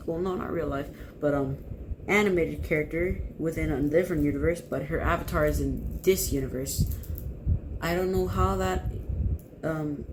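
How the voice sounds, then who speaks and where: A speaker casually showing off custom toy figures, rambling and often correcting themselves mid-sentence. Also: medium pitch. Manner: rambling, with frequent self-corrections. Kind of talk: casual show-and-tell. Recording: clear background noise.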